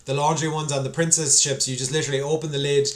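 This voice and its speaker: A man's voice: fairly high pitch, quick pace. A man hosting a podcast, chatting casually and asking open questions. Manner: relaxed, conversational, asks open questions. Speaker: podcast host. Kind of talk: casual interview chat.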